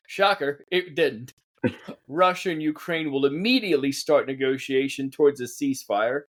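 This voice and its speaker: A man's voice: fairly high pitch, moderate pace. A man co-hosting a casual satirical news podcast, sarcastic and laughing often. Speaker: podcast co-host.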